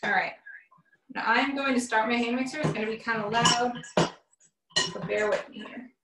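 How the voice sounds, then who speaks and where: A young woman walks through a recipe in a relaxed, chatty way, talking her viewers through each step. Her fairly high voice bounces around the kitchen and sounds set back from the camera. A faint hum sits behind her. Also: moderate pace. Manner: chatty, explains step by step with fillers. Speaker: cooking instructor. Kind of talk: casual cooking demonstration. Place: home kitchen, indoors. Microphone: camera across the counter. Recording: echoey kitchen, far from the mic.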